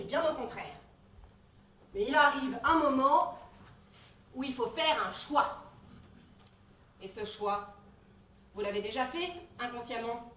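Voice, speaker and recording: A haughty Marianne, the Republic in person, lectures her citizens with biting condescension, played by a woman. The voice sits high and is heard from a distance in a roomy, echoing space. Faint noise hums underneath. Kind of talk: comedy sketch.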